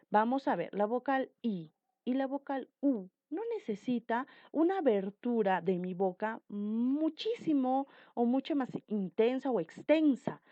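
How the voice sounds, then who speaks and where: Lively, animated woman teaching. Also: medium pitch, no room sound, highs cut off. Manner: slow, emphatic explaining with repeated examples. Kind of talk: Spanish grammar lesson.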